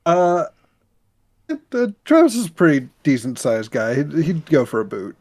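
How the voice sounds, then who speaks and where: A man's voice: on the high side, sing-song, moderate pace, a little mellow. A man playing a tabletop wrestling game, easygoing as he declares his character's moves. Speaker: player. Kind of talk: casual tabletop play.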